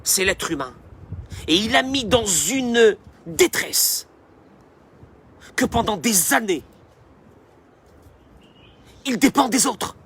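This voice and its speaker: A man giving a sermon as a rabbi, animated and emphatic and speaking straight to his listeners. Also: sits high, takes it slowly, creaky, pauses often, slight background noise.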